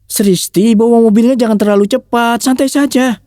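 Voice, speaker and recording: An actor dubbing a nervous passenger begging the driver to slow down in a TV drama. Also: male voice, very high-pitched, fairly even intonation, warm tone, no echo, clean studio sound. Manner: nervous, pleading. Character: jittery man, scared passenger. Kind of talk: dubbed TV drama.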